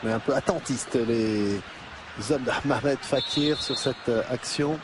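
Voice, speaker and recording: A man with a mid-range voice provides slow-paced live football commentary as second commentator. He analyses replays in hesitant phrases full of tags, with clear ambient noise behind him.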